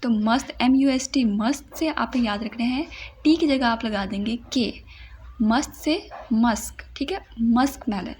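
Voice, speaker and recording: A woman teaching English words in a playful way, repeating each word slowly so it can be copied. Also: on the high side, a little mellow, a little hiss or hum. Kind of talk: vocabulary lesson.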